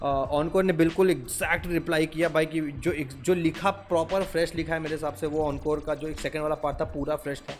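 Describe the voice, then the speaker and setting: A man's voice: fairly high pitch, steady tone, fairly quick, few pauses. A young Indian man hosting a reaction video, talking casually to viewers and switching between Hindi and English. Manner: chatty, mixes Hindi and English, keeps saying "bhai" and "theek hai". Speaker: reaction channel host.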